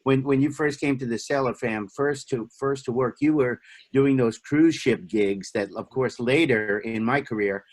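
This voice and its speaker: A man's voice: mid-range voice, normal speed, no echo. A man casually congratulating a friend on a video call, easygoing and effusive, with many fillers. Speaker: guest drummer.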